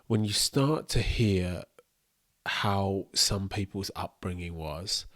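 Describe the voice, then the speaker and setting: A man hosting a commentary video, speaking in a calm, measured way. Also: low voice. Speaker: host.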